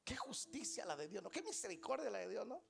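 A woman preaching a sermon in an animated way, acting out short exchanges and putting questions to her listeners. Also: mid-range voice, a little fast, creaky. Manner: animated, acts out little dialogues, quizzes the congregation.

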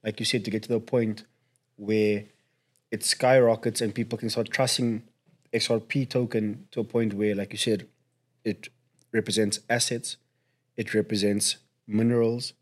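A man's voice: fairly low pitch, level tone, normal speed. A man hosting a podcast, talking casually and building his points earnestly, step by step. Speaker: podcast host.

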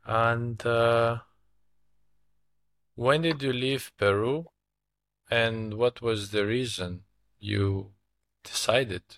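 A man hosting an interview, asking questions in a halting way with many repeated words. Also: medium pitch, fairly even intonation, a bit bright, dry recording. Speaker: podcast host. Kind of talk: casual interview.

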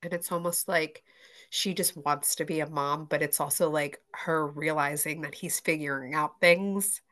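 A woman's voice: low-pitched, fairly even intonation, normal speed, fairly bright tone. A woman co-hosting a podcast, chatting casually and animatedly about a show, acting out quotes with voices. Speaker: podcast co-host. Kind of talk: casual chat.

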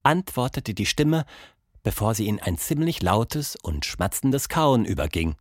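A man hosting a children's audio show and reading a story aloud in an expressive, unhurried way. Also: on the low side, no echo, clean studio sound. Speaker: host and storyteller.

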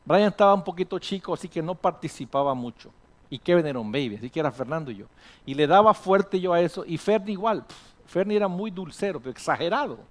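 Higher-voiced pastor preaching animatedly. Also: male voice, quick pace. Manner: animated preaching, drops in English words. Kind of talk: sermon. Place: church sanctuary with congregation.

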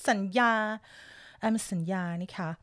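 A woman's voice: slow, a bit bright. A woman from Thailand hosting a casual live stream from her home, giggling often and chatting with viewers while nursing a lingering cough. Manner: chatty, giggly, reads viewer comments aloud. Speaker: live-stream news host. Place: home, upstairs room.

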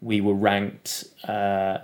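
A man with a lowish voice tells a story in a relaxed podcast chat. He is animated, laughs often and acts out what others said. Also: very slow. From United Kingdom. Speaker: podcast guest. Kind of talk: casual storytelling interview.

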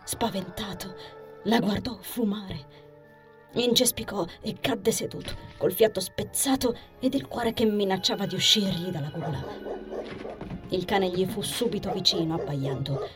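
A woman reading a fantasy novel aloud as an audiobook narrator, in an expressive, theatrical way with sudden swings between hushed and loud passages. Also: mid-range voice. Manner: expressive, theatrical reading with sharp shifts in loudness.

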